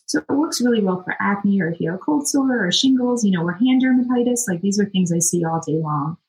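A woman's voice: mid-range voice, animated, brisk, a little mellow, poor audio. A middle-aged woman, a dermatologist guest, explains things casually in informal, plain words. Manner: informal, plain-worded, frequent "you know" and "like". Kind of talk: casual explanatory interview talk.

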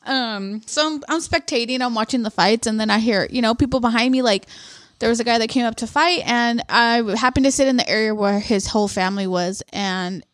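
A woman co-hosting a podcast, telling lively stories in casual chat and swearing freely. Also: on the high side, brisk, no room sound, studio quality. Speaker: podcast co-host.

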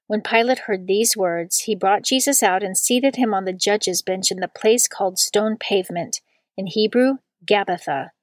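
A woman reading a long scripture passage aloud in a measured liturgical style, slowing down on the quoted words. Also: medium pitch, no room sound. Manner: slow and deliberate on quoted words. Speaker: scripture reader.

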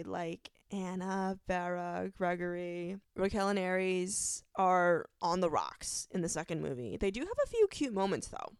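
A young woman talks straight into a close mic, her voice smooth and resonant. The sound is dry, with no room around it. She gushes and reacts emotionally in loose, casual chat, peppered with "like". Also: mid-range voice, no echo. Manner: gushing, emotional, frequent "like" and "oh my gosh". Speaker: vlogger.

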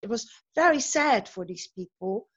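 Older woman, lively and high old voice, interviewee on a slightly muffled online call. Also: moderate pace, slightly rough. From Netherlands. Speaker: exercise group member being interviewed. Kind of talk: interview over a video call. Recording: dull muffled call audio.

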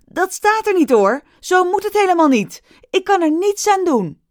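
A woman voicing a frantic young female theatre prompter who shouts shrilly and desperately. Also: very high voice, very animated, moderate pace, no room sound, clean studio sound, voice pushed up.

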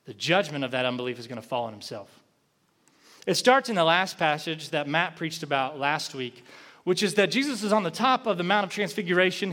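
Animated man preaching a sermon. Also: fairly high pitch. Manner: animated, rising for emphasis then dropping soft. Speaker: pastor.

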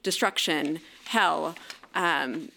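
A woman co-hosting a casual Bible discussion, talking in a lively, playful way and acting out quotes. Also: low voice, drawn-out words, vocal fry. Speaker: Bible study podcast co-host.

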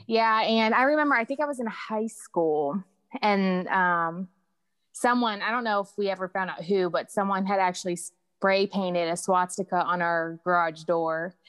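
A woman speaking candidly as a guest in casual conversation, halting at times and often saying "like". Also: mid-range voice, fairly bright tone, clear, resonant tone, no echo. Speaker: guest sharing personal experiences.

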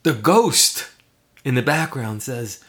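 A man's voice: animated, slow pace, fairly bright tone. Guy cohosting a relationship podcast, chatty, keeps laughing and doing silly voices. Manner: laughs often, acts out voices with big pitch jumps. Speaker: podcast co-host. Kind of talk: casual conversation about relationships.

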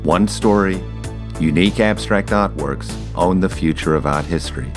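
A man reading the opening credits of an audio series in a slow, measured way. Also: deep voice. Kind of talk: scripted credits read-out. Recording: music bed under voice. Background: music.

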